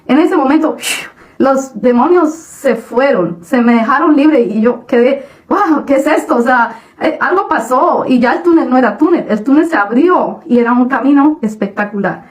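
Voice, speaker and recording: Woman, higher-pitched voice, personal religious testimony, halting, frequent restarts. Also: animated, poor audio. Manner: halting, many restarts and fillers. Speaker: testimony speaker.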